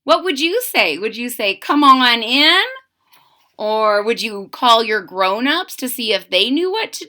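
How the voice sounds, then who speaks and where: This woman, whose voice is on the high side, reads a picture book aloud with plenty of expression and pauses to put questions straight to the children listening.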